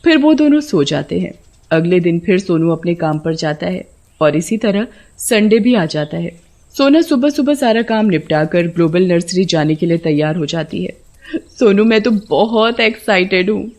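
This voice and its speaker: A woman's voice: lowish voice, animated, moderate pace, dark tone. Woman narrating a cartoon horror story.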